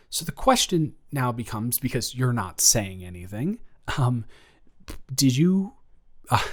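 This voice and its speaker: This time the confession sounds flustered and awkward, delivered in a natural, mid-range male voice. He is again playing a nervous young man in love, stammering and rambling to his best friend in an improvised romantic audio roleplay.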